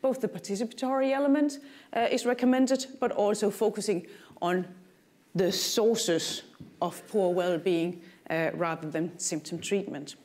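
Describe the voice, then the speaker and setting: A middle-aged woman from Denmark, a native Danish speaker with a Danish accent, delivers a keynote lecture in a large conference hall, walking the stage with a lapel mic. She mixes dry humor with questions for the audience, in a mid-range, darkish voice at a slightly slow pace.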